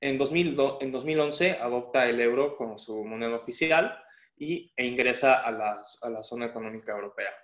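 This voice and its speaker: A young man with a Mexican Spanish accent talks through a webinar presentation, explaining each point earnestly and often pausing to restart his phrasing. His voice sits at an ordinary pitch for a man. The audio is dull and roomy, like a laptop mic on a video call. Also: fairly bright tone. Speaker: guest presenter. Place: indoor room, on a video call.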